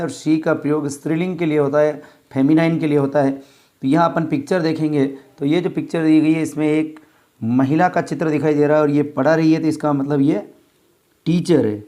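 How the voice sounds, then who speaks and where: A man from India teaching an English workbook lesson, reading sentences slowly and explaining them in Hindi. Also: on the high side, warm tone.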